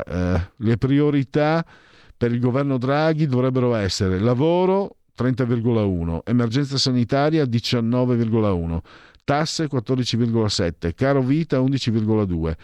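A man casually reading out opinion poll figures in a brisk run, adding wry side remarks. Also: on the low side, a little mellow, clear, resonant tone, no room sound, studio quality. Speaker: commentator reading out opinion polls.

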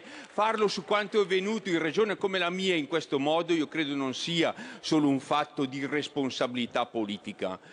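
A man who is a member of parliament, giving a measured but indignant speech. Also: a little high, a bit bright.

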